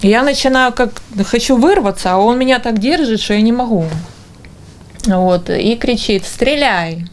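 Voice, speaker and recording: A woman in her forties giving an informal interview account in halting, broken phrases. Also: a little high, a little hiss or hum. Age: 40s. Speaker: injured interviewee. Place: small indoor kitchen. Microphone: handheld or stand TV microphone before her.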